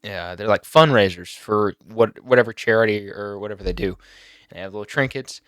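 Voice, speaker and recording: A teenage boy talking on his own channel, emotional and halting, near tears at times. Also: lowish voice, a bit bright, no echo, clean studio sound. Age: teens. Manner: emotional, halting with many fillers and restarts. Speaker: YouTuber. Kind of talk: personal vlog talk.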